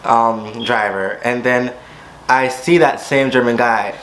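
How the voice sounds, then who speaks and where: A young man spins a storytime tale for his vlog, throwing himself into every quoted line and leaping into sudden high squeals. His voice sits at an ordinary middle pitch. A faint hiss lies under the recording. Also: fairly even intonation, slow pace, fairly bright tone, rough recording. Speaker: vlogger.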